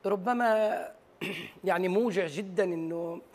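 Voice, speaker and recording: A Palestinian man in his forties is crying as he speaks. His voice is high and choked with grief, and his words come haltingly, in a pained way, close on a studio lapel mic. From Gaza. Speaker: journalist, interview guest. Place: large TV news studio.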